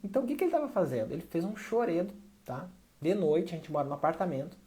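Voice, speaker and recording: A man's voice: a little high, big pitch swings, fast, warm tone. A man talking straight to camera as a parenting educator, conversational and often checking in with short tag questions. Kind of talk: direct-to-camera advice talk.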